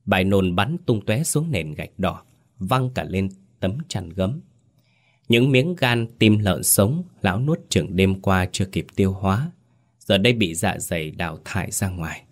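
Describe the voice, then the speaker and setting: A man's voice: deep voice, expressive, measured pace. A man narrating a horror story with dramatic, vivid delivery.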